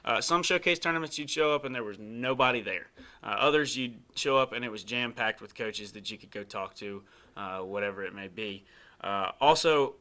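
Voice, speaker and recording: Bright-voiced young male host. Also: medium pitch. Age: young adult. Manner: easygoing, halting with fillers and restarts. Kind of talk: casual interview chat.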